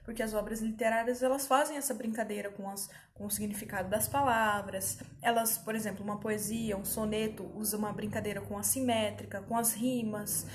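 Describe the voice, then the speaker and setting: A woman's voice: medium pitch, steady tone, a little fast, few pauses, background noise. A woman teaching an online grammar lesson, explaining patiently and often checking that students follow.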